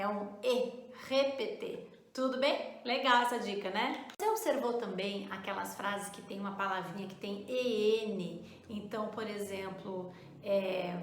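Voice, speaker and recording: A woman teaching a casual spoken lesson, explaining patiently, often checking in with the listener and slowing down to model each word. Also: medium pitch, echoey room. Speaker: French teacher.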